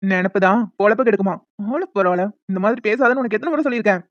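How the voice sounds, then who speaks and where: Gruff young man in an audio drama, played by a woman, fast, dull dry lo-fi sound. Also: mid-range voice, no echo, close to an everyday voice. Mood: stern. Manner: gruff and scolding. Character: stern young man scolding his admirer.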